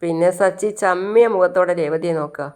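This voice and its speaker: A woman with a somewhat low voice, casually recapping a TV serial episode. She talks loosely, correcting herself mid-sentence. Now and then she slips into the characters' lines. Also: brisk, darkish tone. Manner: retells the plot loosely, with self-corrections and acted-out dialogue.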